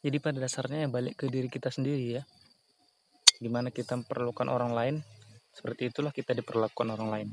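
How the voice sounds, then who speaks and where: A man gives folksy, repetitive business advice in a relaxed, earnest way, now and then chuckling at himself. He is recorded outdoors in a plantation, and a faint bed of insect and cricket noise sits behind his voice. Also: mid-range voice, quick pace. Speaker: small business vlogger. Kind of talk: casual advice talk. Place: outdoors in a palm and banana plantation.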